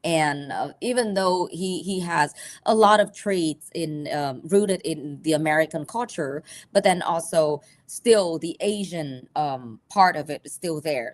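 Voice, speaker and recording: Low-voiced woman. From Vietnam. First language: Vietnamese. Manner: halting, frequent ums and restarts. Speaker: personal finance educator. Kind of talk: live online finance class.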